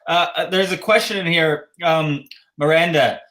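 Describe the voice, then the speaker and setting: A man's voice: on the high side, takes it slowly, fairly bright tone. A Canadian man with a slight lisp, hosting a casual livestream chat and rambling with frequent chuckles. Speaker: host.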